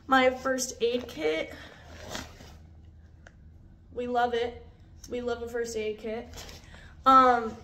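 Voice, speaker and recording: Young woman, casual vlog, blunt and chatty, slightly high voice, faint background hiss. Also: fairly bright tone. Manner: blunt and chatty, swears freely. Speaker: vlogger.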